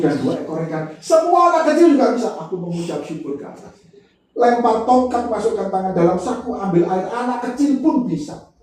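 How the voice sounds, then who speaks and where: A man preaches, his higher voice swinging widely as he acts out little scenes and laughs along. His tone is mellow. He sounds far from the mic in a very echoey church hall with faint noise. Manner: lively, conversational, acts out dialogue, laughs often. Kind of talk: sermon.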